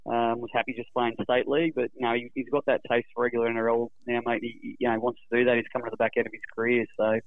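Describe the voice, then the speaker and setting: An Australian man chats casually in a radio interview, rambling and matey. He speaks fast with little rise and fall in pitch. The line is dry and muffled, like a phone call. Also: level tone, no room sound. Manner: rambling, matey, repeats "you know". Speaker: rugby league club guest.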